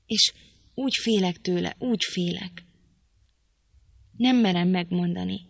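Female reader doing frail teen boy, pleading and breathless, low dry voice, audiobook. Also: dry recording. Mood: frightened. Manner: sobbing, begging, breathless. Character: frail, frightened teenage boy, pleading and tearful. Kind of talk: audiobook character reading.

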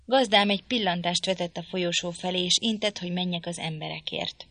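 A woman with a low-set but bright, forceful voice reads a classic novel aloud. Her delivery is measured and even, in close, dry sound with no room around it. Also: no echo. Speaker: audiobook reader. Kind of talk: literary audiobook narration.

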